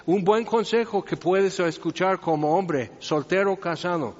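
A man's voice: high voice, measured pace, darkish tone. Guy preaching in a church hall, chatty and wry, big echo, kinda muffled audio. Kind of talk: sermon. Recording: reverberant hall, dull lo-fi sound.

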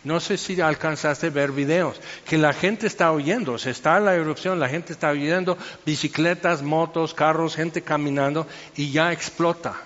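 A man's voice: on the high side, steady tone, moderate pace, few pauses, fairly bright tone, in a large hall, highs cut off. A man giving informal Bible teaching, chatty and storytelling, full of fillers.

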